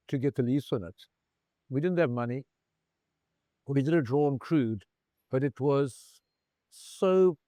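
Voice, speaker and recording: A middle-aged man from South Africa, a bar founder telling lively stories in a casual interview and acting out the voices in them. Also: medium pitch, dry recording, studio quality. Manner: animated anecdotal storyteller, acts out dialogue. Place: bar in Cape Town.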